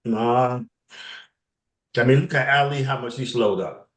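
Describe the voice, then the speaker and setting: A man's voice: mid-range voice, measured pace. A man in casual sports chat, musing aloud and posing questions to the others. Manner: questioning, musing, eats while talking. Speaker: co-host. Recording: roomy echo.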